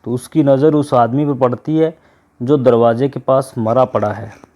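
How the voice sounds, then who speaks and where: A man's voice: mid-range voice, steady tone, unhurried, highs cut off. A man narrating a story as a storyteller, addressing listeners directly and voicing the dialogue himself.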